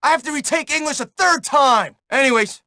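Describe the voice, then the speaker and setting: Video game jock, teenage boy: very high, bright and forceful, American, brash bully full of dude slang. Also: brisk, no echo, clean studio sound. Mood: whiny, annoyed.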